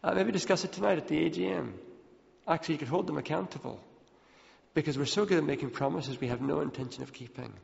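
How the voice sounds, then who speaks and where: A man's voice: on the high side, fast talker, gravelly, darkish tone. A man preaching an earnest sermon, repeating words as he presses his points, recorded in a church hall. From Ethiopia. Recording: dull, long hall reverb.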